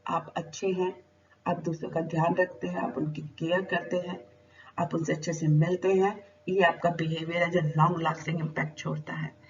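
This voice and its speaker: A woman's voice: lowish voice, little pitch movement, moderate pace. A woman teacher giving a lecture, asking herself questions and answering them. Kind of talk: explanatory lecture. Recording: dull, slightly distant recording with faint noise.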